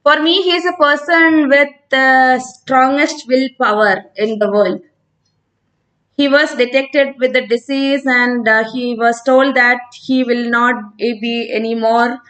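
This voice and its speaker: High-pitched South Indian woman teaching. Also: fairly bright tone, low-quality recording. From Kerala, India. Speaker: online physics teacher. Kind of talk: informal live-stream lesson, answering student comments.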